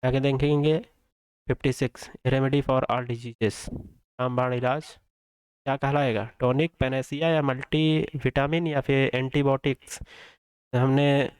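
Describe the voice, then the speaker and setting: Indian male tutor, smooth clear voice, dry close recording, slow over English prompts, quiz-style lesson in Hindi. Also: mid-range voice, flat delivery, no echo. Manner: reads English prompts slowly, explains in Hindi, asks rhetorical questions.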